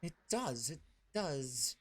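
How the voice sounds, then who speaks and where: A man's voice: a little high, very animated, slow, pitched above the performer's own voice, full character voice. A man voicing a wary male half-elf rogue, speaking dryly and jokingly.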